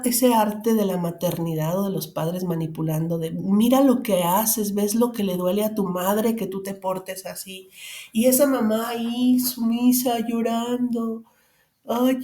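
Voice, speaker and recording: Mellow-voiced Mexican woman giving parenting advice. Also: mid-range voice. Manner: earnest, emphatic, addresses the listener directly. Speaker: parenting advisor.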